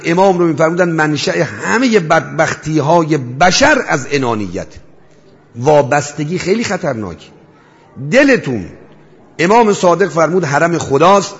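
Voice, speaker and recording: A man preaching a mourning sermon, rhetorical, swinging between loud cries and hushed storytelling. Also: sits high. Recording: dull reverberant hall sound.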